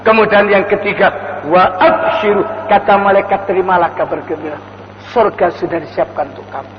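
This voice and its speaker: Older preacher, reverberant hall. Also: male voice, sits high, steady tone, brisk. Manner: storytelling, acts out quoted voices. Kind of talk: dawn sermon. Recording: lo-fi recording in a reverberant hall with faint noise.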